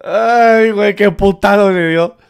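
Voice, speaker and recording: A young man with a Mexican Spanish accent reacting to clips on a live stream in casual chat, loud and crude, laughing often. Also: high voice, measured pace, gravelly, background noise.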